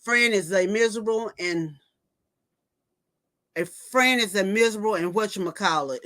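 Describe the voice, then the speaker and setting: At a moderate pace and in a mid-range, slightly bright voice, a woman in her fifties chats casually on her livestream. She gossips, reads what viewers have written aloud, and reacts to each comment.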